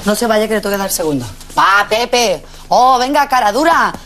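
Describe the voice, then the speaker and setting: A middle-aged actress playing a brash, bossy, quick-tempered working-class mother in a sitcom. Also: mid-range voice, animated, slight background noise, close to an everyday voice. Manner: bossy, scolding, loud and blunt. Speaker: mother of the family. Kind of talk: sitcom acting.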